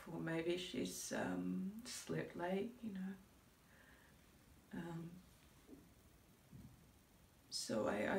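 A woman's voice: fairly low pitch, a little mellow. A middle-aged woman playing a grieving, bewildered mother in a dramatic monologue, a searching soliloquy that halts and gropes for words. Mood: halting, distressed. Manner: searching soliloquy, halting with long pauses, groping for words. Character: grieving mother recalling her daughter's decline, subdued and bewildered. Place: indoor room before a curtain, recorded from a few feet. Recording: roomy echo, distant microphone.

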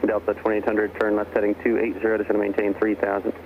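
This air traffic controller speaks quickly in a low male voice with a totally flat delivery, issuing clipped procedural instructions. The narrowband aviation radio feed carries the sound of airplane engines behind him.

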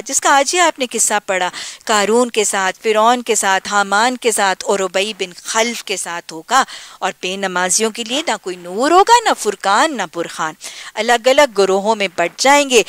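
Woman Quran teacher, higher register, smooth clear tone, emphatic lecturing with rhetorical questions. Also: a bit bright, no echo. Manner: emphatic, asks rhetorical questions, recites prayers slowly. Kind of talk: religious lesson explaining scripture.

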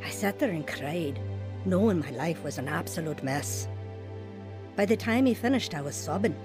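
In a scripted radio drama, an actress narrates first-person dramatized testimony as a troubled, heartfelt young wife telling her life story, sincere and reflective. Her lowish, natural voice is animated at a moderate pace, with music in the background.

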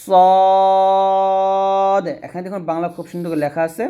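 A man teaching a Quran reading lesson, patiently repeating letter sounds slowly for learners to echo. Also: high voice, steady tone, warm tone, soft background music.

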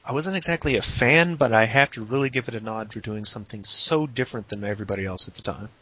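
A man's voice: mid-range voice, fast, sharp tone, rough recording. A man hosting a casual gaming podcast, laughing off his own flubs and retakes. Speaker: podcast host.

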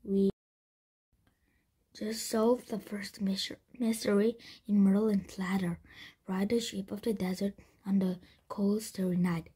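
A woman voicing an eager, cheerful young girl in a storybook, soft and half-whispered. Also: mid-range voice, little pitch movement, unhurried, husky.

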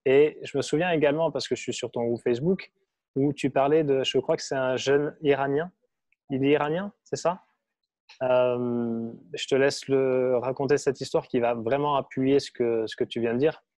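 A man's voice: mid-range voice, steady tone, moderate pace, a little mellow, no room sound. A man hosting an interview from a hotel room, speaking hesitantly with frequent restarts. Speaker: interview host. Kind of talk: casual video-call interview.

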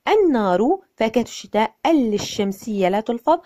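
A woman's voice: a little high, big pitch swings, fairly quick, dark tone. A woman teaching a grammar lesson step by step, mixing formal speech with everyday dialect. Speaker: Arabic teacher.

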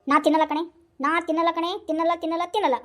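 A woman plays a whiny, henpecked young husband in a comedy sketch. He pleads and protests at high pitch, saying the same thing over and over in a quick, breathless rush. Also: fairly even intonation, noisy background. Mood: whining. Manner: pleading, protesting and repeating himself. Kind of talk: comic sketch acting.

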